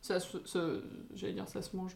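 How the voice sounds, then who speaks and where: A woman's voice: lowish voice, flat delivery, normal speed, creaky, crowd noise. A young woman co-hosting a casual podcast, teasing and poking fun at herself. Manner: teasing, self-mocking banter. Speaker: podcast co-host. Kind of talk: casual chat among friends. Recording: roomy echo, faint noise.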